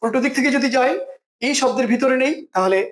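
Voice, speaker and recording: A teacher giving a vocabulary lesson at a board, slowly repeating example words and sentences for the class to follow. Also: high voice, poor audio. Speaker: English teacher.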